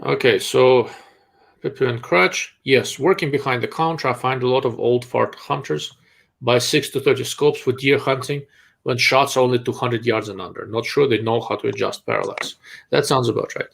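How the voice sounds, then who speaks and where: On his live Q&A stream, a Russian-accented host answers bluntly and dryly in a mid-pitched voice that's gravelly yet a bit bright. Plainspoken and sarcastic, he's quick to call ideas out.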